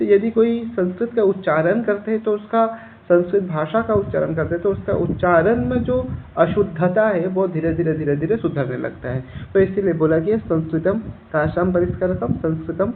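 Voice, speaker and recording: A fairly high-voiced man teaches a class lesson, reading each line out slowly and then explaining it patiently, often repeating himself. The sound is thin and phone-like, with a faint hiss behind him.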